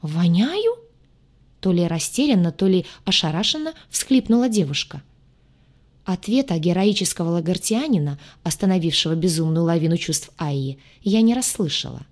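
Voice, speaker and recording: A woman narrating an audiobook in an expressive, wry and ironic storytelling manner. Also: lowish voice, moderate pace.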